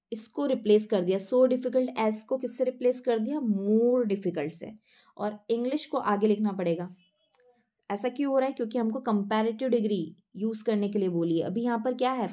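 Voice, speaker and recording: A woman's voice: medium pitch, a little mellow. A woman, teaching an English grammar lesson and answering her own questions. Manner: asks questions then answers them herself; reads English sentences slowly and clearly.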